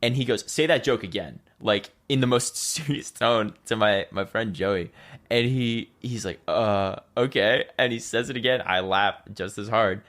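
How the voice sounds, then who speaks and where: A man's voice: lowish voice, moderate pace, fairly bright tone. A young man, a podcast guest, telling a personal story in a loose, chatty way and acting out what people said. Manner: loose and chatty, heavy on "like", acts out quoted lines. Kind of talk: casual storytelling conversation.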